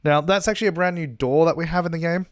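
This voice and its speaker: A gaming YouTuber, a young man, rambles casually and fast over gameplay with lots of fillers and laughs, his fairly high-pitched voice a little worn. He recorded in a hotel room with a travel setup, and the sound is clean studio audio with no room sound.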